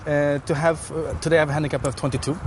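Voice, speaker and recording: A man from Sweden, an executive answering interview questions in an easygoing, halting way. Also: on the high side, flat delivery, noisy background. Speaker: executive guest.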